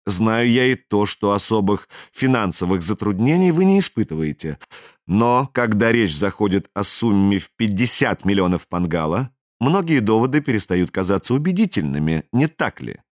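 A man voicing a businesslike alien stranger in an audiobook, speaking in a measured, persuasive and authoritative way. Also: on the low side, big pitch swings, dry recording, studio quality. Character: smooth, businesslike male alien stranger, commanding. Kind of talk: audiobook character reading.

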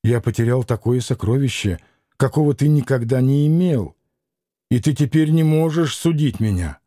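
A man reading an audiobook and voicing a gentle, grieving young man who speaks firmly and earnestly. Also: mid-range voice, moderate pace, no echo, studio quality, natural voice. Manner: firm, earnest.

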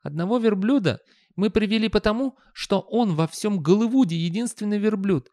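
Man doing a squeaky deadpan young lackey. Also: normal speed, no echo, clean studio sound. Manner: deadpan, matter-of-fact. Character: skinny eager young male assistant.

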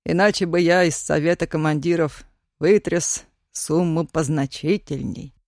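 A reader voicing the stern older head of a youth colony, gruff and slow in a storybook reading. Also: medium pitch, fairly even intonation, no echo, studio quality, lightly acted.

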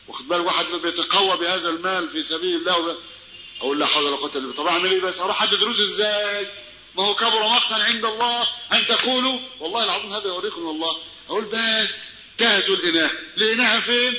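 A man with an Egyptian Arabic accent giving a religious lesson on prayer, animated and full of rhetorical questions to his listeners. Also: high voice. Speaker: preacher. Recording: dull, roomy recording with faint noise.

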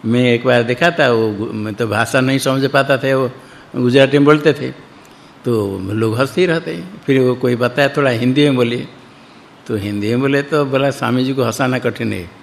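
A man's voice: mid-range voice, creaky. A man teaching scripture, talking in loose, repetitive phrases and reciting Sanskrit verses. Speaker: spiritual teacher. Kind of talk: scripture discourse in Hindi. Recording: long hall reverb.

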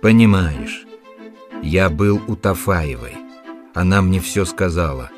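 A man's voice: sits low, lively intonation, slow pace, music in the background. A man reading the part of a worldly middle-aged uncle, ironic and teasing in a storybook reading.

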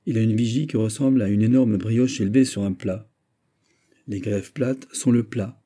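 A man with a mid-range voice narrates a classic novel audiobook from a script, keeping his storytelling measured and even.

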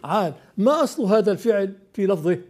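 Higher-voiced older man explaining poetry. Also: expressive, a little mellow. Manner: measured, explanatory, asks questions of the student. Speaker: teacher of classical poetry.

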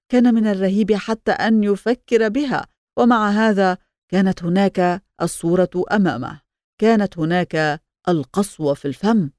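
A woman reading a novel aloud as an audiobook narrator, in a steady, measured way. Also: medium pitch, dry recording, clean studio sound. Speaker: audiobook reader. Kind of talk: scripted narration.

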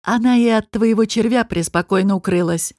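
A woman's voice: medium pitch, brisk, darkish tone, dry recording, close to an everyday voice. Brief: a female narrator doing a mocking, irritable man, dry recording. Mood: sarcastic. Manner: growling, sarcastic. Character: male court official, irritable, mocking.

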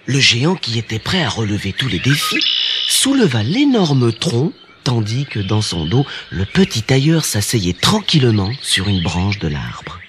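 A man narrating a children's fairy tale in an expressive, animated way. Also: medium pitch, unhurried, slight background noise. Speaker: storyteller. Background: music.

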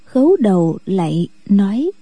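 A woman narrating a martial-arts novel as a radio story reading, in a steady, measured way with a husky voice. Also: medium pitch, no room sound.

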